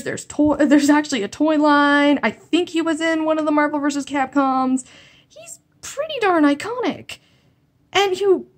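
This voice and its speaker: A woman ranting in a vlog, exasperated and sarcastic, often stumbling and restarting her sentences. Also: high voice. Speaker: comic-book video blogger.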